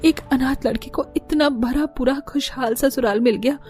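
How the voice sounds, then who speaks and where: Woman voicing a high-pitched anxious orphan bride for an animated story, soft mellow tone, tearful pleading. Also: normal speed, soft background music, lightly acted. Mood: wondering.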